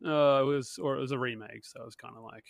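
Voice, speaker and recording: A man's voice: mid-range voice, steady tone, quick pace, gravelly, no echo, clean studio sound. A man co-hosting a casual film podcast, chatty and rambling, often laughing along with his friends. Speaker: podcast co-host. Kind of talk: casual chat.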